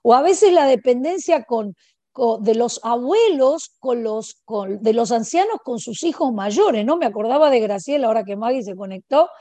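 Older woman, argentinian accent, highish voice, dry close sound, chatty sermon. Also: lively intonation, moderate pace, mellow, no echo. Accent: Argentinian Spanish. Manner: conversational, frequent tag questions. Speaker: preacher. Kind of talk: informal sermon.

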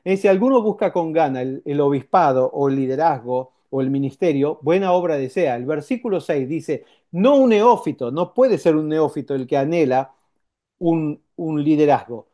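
With an expressive, high-pitched yet mellow tone, this male pastor preaches at a moderate pace. His warmth comes through as he chats with his congregation, circling back to main ideas and asking rhetorical questions.

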